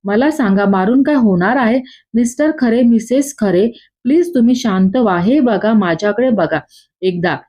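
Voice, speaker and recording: A woman voicing an earnest young man who calms and reassures an upset family. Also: on the high side, normal speed, lightly acted. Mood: reassuring. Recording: dull lo-fi.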